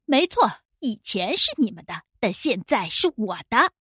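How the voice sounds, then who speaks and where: A woman's voice: a little high, very animated, normal speed, bright, forceful tone, husky, dry recording, studio quality, voice pushed down, heavily acted. A woman putting on a sneering bully wolf. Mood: mocking. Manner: sneering and threatening. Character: mocking bullying young male wolf.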